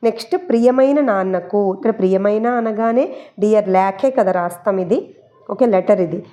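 A woman with a mellow, warm voice talks through an exam-prep lesson, teaching memory tricks. She chats casually, repeats the key points and slips English words into her explanations. She is recorded close to the mic. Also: mid-range voice, brisk.

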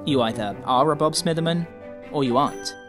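A man's voice: a little high, brisk. A man reading scripted narration for a feature report as its reporter. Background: music.

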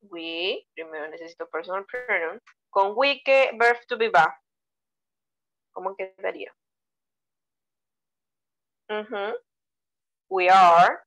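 Patient, slow-spoken Peruvian woman teacher. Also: medium pitch, fairly bright tone, rough recording. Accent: Peruvian Spanish. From Peru. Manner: patient, explains step by step, praising students. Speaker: English teacher. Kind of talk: bilingual online English lesson.

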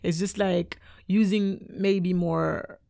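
A young woman raised in Belgium and a native French speaker, a choreographer and dancer, guests on a podcast in a small studio, speaking into a boom-arm studio mic. In this casual interview chat she's animated, talks with her hands and laughs quickly, her lowish voice showing vocal fry.

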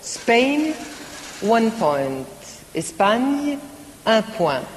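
Slow, measured woman contest presenter. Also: on the high side, sing-song, a little hiss or hum. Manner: repeats each score in English then French, measured. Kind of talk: live broadcast presenting. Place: large concert hall. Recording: live broadcast from a concert hall with audience.

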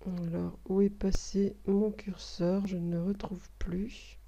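A woman giving a slow spelling dictation lesson, repeating each word and explaining the grammar step by step. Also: mid-range voice, level tone, creaky, dark tone. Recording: dull lo-fi recording.

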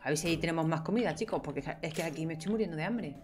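Soft music plays behind this gameplay streamer, a young woman whose voice is low-pitched, a little mellow and rapid-fire. She chats casually, addressing herself and her audience with playful exclamations.

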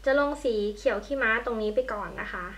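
Young female beauty vlogger, slightly high voice, chatty and friendly, casual at-home tutorial talk. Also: a little fast, fairly bright tone. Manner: chatty, friendly, talks while applying makeup. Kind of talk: casual makeup tutorial chat. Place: at home by a window in natural light. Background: passing trains.

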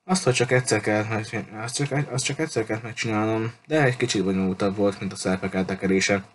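A man's voice: lowish voice, fairly even intonation, a little hiss or hum, lightly acted. A man voicing a fussy older railway clerk who rambles and grumbles as he remembers. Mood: reminiscing.

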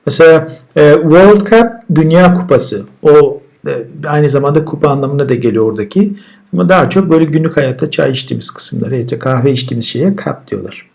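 Man teaching English words, slightly high voice. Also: brisk, vocal fry. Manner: relaxed explaining, with repeated words and translations. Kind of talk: vocabulary lesson.

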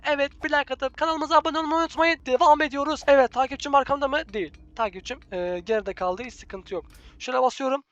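A chatty gaming host with a very high voice, talking fast and jumping from calm narration to startled shouts. He keeps calling out to his viewers as friends. The sound is dry and a bit muffled, like a cheap home microphone. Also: dry recording. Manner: chatty, excitable, constantly addressing viewers as friends. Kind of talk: let's-play gameplay commentary.

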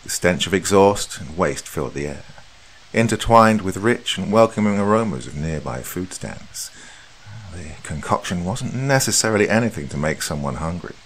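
Deep-voiced guy reading a horror story, lots of pitch swing, dramatic. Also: slight background noise, rough recording. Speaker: horror podcast host and narrator.

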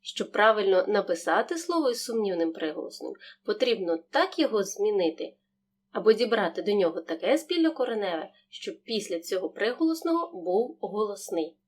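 A woman teacher explaining pronunciation rules, saying each example word slowly and clearly. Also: mid-range voice, very animated, slight background noise. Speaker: Ukrainian language teacher. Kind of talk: scripted video lesson.

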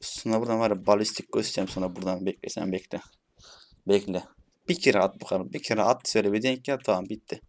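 A man's voice: fairly low pitch, steady tone, quick pace. A young man giving casual gameplay commentary, chatty and cursing playfully at the bots. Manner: chatty, swears playfully at bots, shouts when frustrated. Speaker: gaming YouTuber.

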